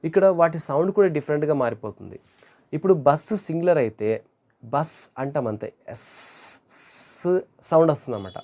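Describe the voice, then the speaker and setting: English grammar teacher, pronunciation drill, repeats words slowly, corrects mistakes. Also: medium pitch, expressive, darkish tone. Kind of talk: online grammar lesson, Telugu mixed with English terms.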